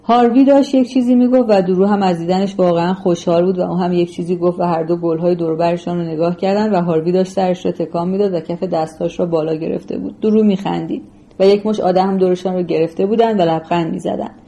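Dark-voiced woman narrating a novel. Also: lowish voice, steady tone, rough recording. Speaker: audiobook narrator. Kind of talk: scripted literary narration.

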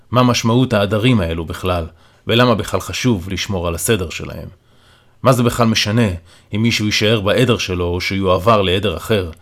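Man reading a first-person story. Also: lowish voice. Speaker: audiobook narrator.

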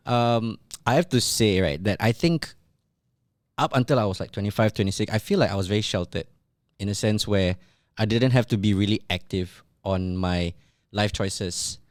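A man in his early thirties leads a laid-back chat among friends, with a lowish voice and a close, dry sound. He reflects on things at an easy pace and lets his sentences trail off. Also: moderate pace, no echo. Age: 30s. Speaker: podcast host.

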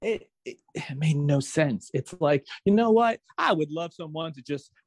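Man, fairly high voice, heated fan recap, dry close sound, lots of restarts. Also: normal speed, breathy edge, dry recording, rough recording. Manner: animated, exasperated ranting with many restarts. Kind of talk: casual TV recap chat.

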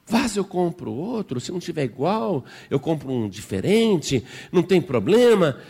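A male preacher voicing a patient, forgiving mother who calms her daughter in soft, soothing tones during a sermon story. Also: on the high side, normal speed, creaky, breathy edge, long reverb tail, voice pushed up, heavily acted. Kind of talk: sermon illustration.

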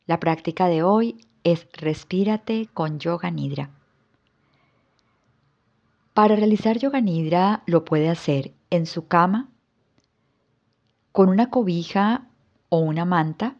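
Slow, low-voiced woman guiding relaxation. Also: dull audio. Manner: slow, soft, calm guiding instructions. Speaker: yoga instructor. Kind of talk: guided yoga nidra relaxation.

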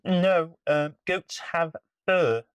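A woman reading a storybook aloud and voicing a tiny, timid spider in a high, hesitant voice. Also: extremely slow, clear, resonant tone, no room sound, recorded from a distance, dull audio.

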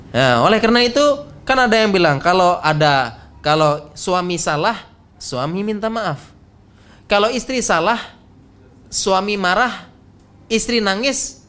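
A man's voice: sits high, a little hiss or hum. A man preaching a conversational sermon at a gathering, joking and quizzing his listeners with questions. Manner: lively, quizzes the audience with questions. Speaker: Islamic preacher.

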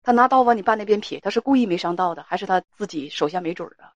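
A woman's voice: medium pitch, animated, rapid-fire, dry recording, dull audio. A woman hosting a call-in advice show, speaking firmly and lecturing with rhetorical questions.

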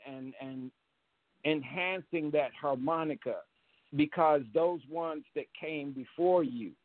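A man calling in, talking earnestly and repeating words as he restarts his sentences. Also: fairly high pitch. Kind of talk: earnest call-in commentary. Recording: tinny phone-like line, dry.

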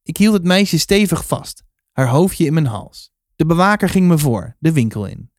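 A man reading a children's novel aloud in a calm, measured storytelling manner. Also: fairly high pitch, dry recording, studio quality. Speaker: reader.

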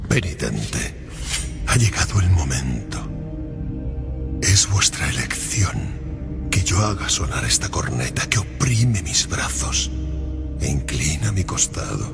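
Game character: a grim figure chained to a cornet, very deep, gravelly, over loud music. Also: male voice, very animated, full character voice. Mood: ominous. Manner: slow, portentous, gravelly. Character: grim solemn man bound to a bronze cornet. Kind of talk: game voice acting.

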